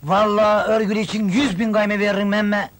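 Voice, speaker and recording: A man's voice: high voice, level tone, fairly quick. A man playing a naive rustic young man out of his depth in the city, with country talk in a 1970s comedy film. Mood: bargaining.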